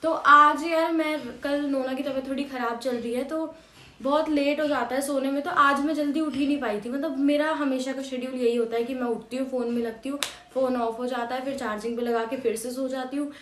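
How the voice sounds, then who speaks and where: A woman's voice: high voice, fairly even intonation, brisk, fairly bright tone, a little hiss or hum. A young adult woman vlogger telling a story to camera in a rambling, chatty way, full of fillers and repeats. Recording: echoey room.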